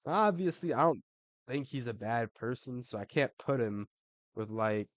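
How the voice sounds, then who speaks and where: A man's voice: mid-range voice, animated, normal speed, dry recording. A man giving casual, slangy commentary, swearing and tossing in "bro" constantly, with laughs between remarks. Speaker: online commentator ranking fighters.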